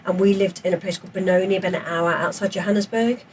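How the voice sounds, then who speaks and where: Fast-talking woman in her fifties. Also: medium pitch, far from the mic, a little hiss or hum. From England, raised in South Africa. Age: 50s. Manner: chatty, animated storyteller. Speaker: podcast guest, former police officer. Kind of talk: casual interview chat.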